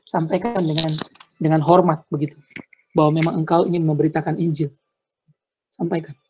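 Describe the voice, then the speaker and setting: Against a noisy background on dull, lo-fi video call audio, a slightly high-voiced man replies at normal speed with little pitch movement. His answers are earnest and preachy, full of repeated words and English phrases.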